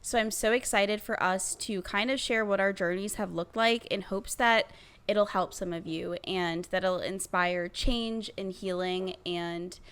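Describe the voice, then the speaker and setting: A woman's voice: mid-range voice, steady tone, a little slow, fairly bright tone, smooth. A woman in her mid-twenties from Massachusetts, co-hosting a podcast and earnestly sharing her story in casual chat. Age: 20s. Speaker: podcast co-host.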